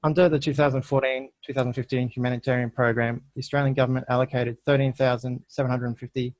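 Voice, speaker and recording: A young man, a student, reads a prepared presentation in a flat, even way over an online call whose audio keeps cutting out. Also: medium pitch, fast, no echo, low-quality recording.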